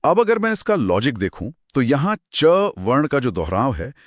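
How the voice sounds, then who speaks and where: A man's voice: mid-range voice, wildly swooping pitch, normal speed, dry recording, studio quality. A man co-presenting an exam-prep grammar lesson, asking curious questions and reacting with enthusiasm. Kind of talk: scripted two-voice exam lesson.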